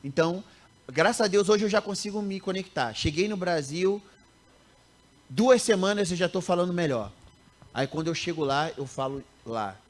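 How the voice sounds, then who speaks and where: Animated Carioca man in his thirties. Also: high-pitched, normal speed. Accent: Carioca Brazilian Portuguese. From Rio de Janeiro, Brazil. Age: 30s. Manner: animated, self-interrupting, laughs at own stories. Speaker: missionary teacher guest. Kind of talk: casual interview storytelling.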